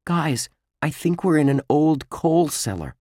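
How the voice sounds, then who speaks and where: A man reading a children's book aloud, voicing an excitable young boy who complains a lot, in a raised, lively voice. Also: on the high side, unhurried, no echo, studio quality, voice pushed up. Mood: whiny.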